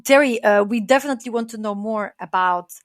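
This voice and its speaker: A woman's voice: fairly high pitch, brisk. A woman co-hosting a podcast interview, welcoming her guest with enthusiasm. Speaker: podcast co-host.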